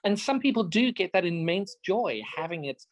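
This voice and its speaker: A man from Zimbabwe with a high, animated voice co-hosts a podcast, speaking at a moderate pace. He chats casually and effusively, telling stories as he goes.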